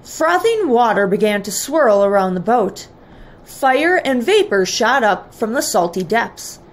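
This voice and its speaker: A woman teacher reading a picture book aloud to children in an expressive, measured way. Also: a little high.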